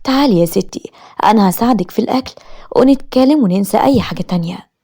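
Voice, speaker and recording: A woman doing a gentle younger sister, Hind. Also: mid-range voice, animated, quick pace. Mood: consoling. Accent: Egyptian Arabic. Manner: gentle, consoling.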